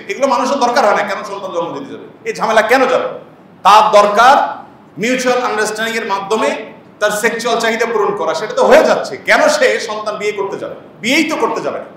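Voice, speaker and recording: A man's voice: sits high, fairly bright tone, very echoey, far from the mic. A man preaching a sermon with impassioned rhetorical questions and repeated lists. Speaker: Islamic preacher. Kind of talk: sermon-style lecture.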